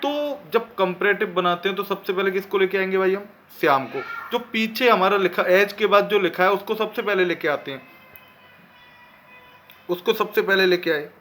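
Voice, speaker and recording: Male tutor, bright and slightly tense tone, patient step-by-step explainer. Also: sits high, a little hiss or hum. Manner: explains slowly, asks and answers his own questions. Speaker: English teacher. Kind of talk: classroom grammar lesson.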